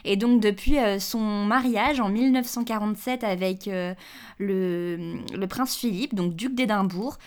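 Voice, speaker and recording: Femme invitée de podcast, explications posées. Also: female voice, mid-range voice, unhurried. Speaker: podcast guest and host of her own podcast. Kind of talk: casual podcast chat.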